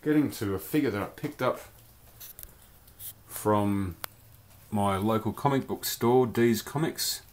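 A man's voice: lowish voice, unhurried, a little mellow. A man casually reviewing a collectible toy in a rambling, chatty vlog from his home beer cellar. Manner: chatty, rambling, loose slang.

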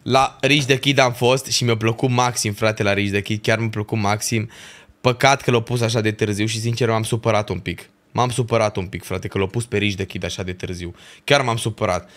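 A young man, chatting casually on a livestream and ranking festival shows, full of slang and swearing. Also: fairly low pitch. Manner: animated ranting with slang and swearing.

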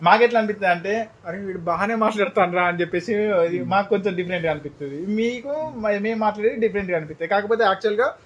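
Fast-talking young Telangana man, high voice. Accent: Telangana Telugu. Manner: teasing, animated, quick-talking. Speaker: vlogger. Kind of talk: casual debate.

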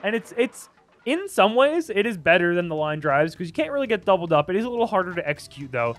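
A young man doing casual play-by-play commentary on a video game match, chatty and quick to get excited by big plays. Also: sits high, faint music behind.

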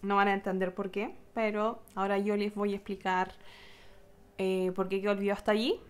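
A woman's voice: mid-range voice, fairly quick, smooth. A young woman with a Chilean accent, animatedly telling her followers a story in a casual vlog, adding sound effects and acting out what people said. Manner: animated retelling with sound effects and acted-out quotes. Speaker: vlogger.

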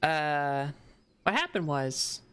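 A woman's voice: low-pitched, big pitch swings, slow pace, fairly bright tone, clear, resonant tone. A woman streamer chatting casually while she plays, rambling with repeated words and restarts. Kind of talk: casual live-stream chat while gaming.

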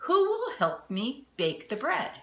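A determined little red hen from a storybook, as a woman puts her on, high and lively in her pleading asks. Her voice swoops up and down while the room rings with echo around it. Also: a little slow, heavily acted. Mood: asking. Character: hardworking little red hen, stern and fed up. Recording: roomy echo.

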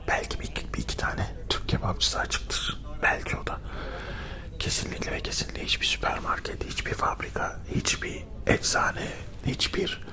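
A man from Turkey speaking in a hushed whisper, narrating an ASMR travel vlog in a reflective, unhurried way. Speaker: vlogger.

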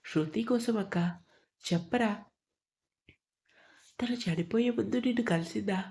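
A calm young man asking careful questions, as a woman narrator puts him on. He speaks gently and in a measured way, with a mellow, dark tone. This is an audio drama story. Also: on the high side.

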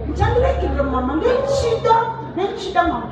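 A woman evangelist with a Zimbabwean accent, preaching a forceful sermon into a pulpit microphone. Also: very high voice, very animated, fast. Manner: forceful preaching, switching between Shona and English. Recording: echoey church hall, distant mic, loud music behind.

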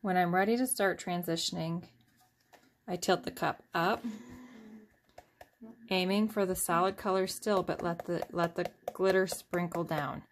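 Woman, 30s, lower-pitched, chatty and self-deprecating, craft tutorial at home, faint clicks behind. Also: steady tone, measured pace, pauses often, slight background noise. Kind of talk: casual step-by-step craft demonstration.

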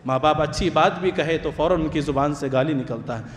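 A man's voice: a little high, slight background noise. A man preaching a fervent sermon in a mosque, repeating phrases for emphasis. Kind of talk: Friday sermon. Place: large mosque. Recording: echoey mosque hall with long reverb.

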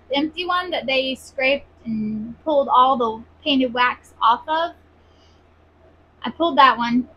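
A woman's voice: fairly high pitch, pushed and bright, slight background noise, low-quality recording. A woman, chatting informally and rambling to camera as a beekeeping vlogger. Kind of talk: casual chat to camera. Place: small cluttered indoor workroom.

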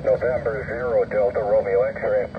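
A man's voice: fairly low pitch, little pitch movement, normal speed. A man, an amateur radio operator, trading brief clipped call signs over a fading shortwave radio. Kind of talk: brief radio contact exchange. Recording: tinny, static-filled shortwave radio.

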